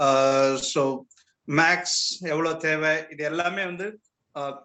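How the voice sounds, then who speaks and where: Forceful Indian Tamil man relaying questions. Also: a little high, steady tone. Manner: halting phrasing, mixing Tamil and English. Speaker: meeting coordinator.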